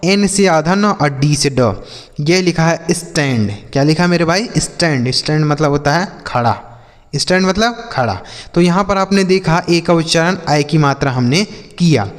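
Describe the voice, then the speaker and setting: A man teaches like he is in front of a class, calling his students kids and brother. His voice sits high for a man. The sound rings with a long reverb. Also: animated, normal speed. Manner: explains step by step, repeats his own questions and answers them. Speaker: English teacher. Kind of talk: classroom-style phonics lesson.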